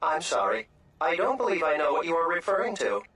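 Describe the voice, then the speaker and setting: A man's voice: a little high, big pitch swings, a little fast, sharp tone, husky, exaggerated voice. An actor voicing a prim, courteous male service droid who talks in a formal, fussy way, heard as game audio. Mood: polite.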